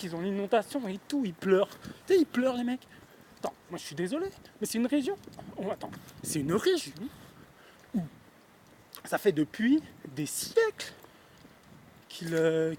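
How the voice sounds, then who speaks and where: Rambling high-voiced young man on a phone. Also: darkish tone. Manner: rambling, self-contradicting and mock-serious, swearing then taking it back. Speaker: vlogger doing a mock street report. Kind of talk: rambling comic monologue. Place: outdoors in a town street at night, near a river. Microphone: phone held in hand. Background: faint river noise.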